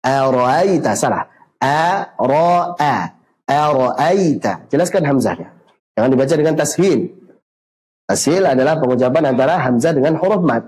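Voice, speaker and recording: A man teaching Quran recitation rules online, asking questions and answering them himself, with slow drawn-out recited examples. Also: on the high side, darkish tone, rough recording.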